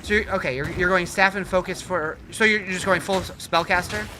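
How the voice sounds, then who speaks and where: A man's voice: sits high, fairly even intonation, fairly quick, sharp tone, slight background noise. A man livestreaming a game with casual commentary, answering chat and thinking aloud in a laid-back way.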